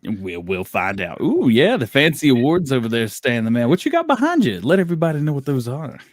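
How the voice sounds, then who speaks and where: A man hosting a casual podcast chat, animated and laughing a lot. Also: mid-range voice, brisk, no echo, studio quality. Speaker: show host.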